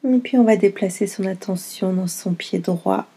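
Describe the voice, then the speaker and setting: This yoga nidra guide has a medium-pitched voice, soft, husky, dark and mellow throughout. Leading a guided meditation, she offers gentle, unhurried instructions in brief, soothing phrases with a light fry, leaving long gaps between them.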